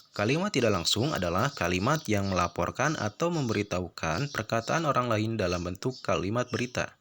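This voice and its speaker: Low-voiced man teaching a lesson. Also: a bit bright, slight background noise. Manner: explains step by step, often tags sentences with "ya". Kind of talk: recorded lesson.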